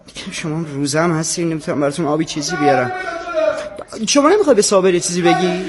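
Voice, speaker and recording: An actor playing a blunt calligrapher who works beside the tailor. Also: male voice, a little high, animated, very noisy, natural voice. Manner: blunt, quick to scold.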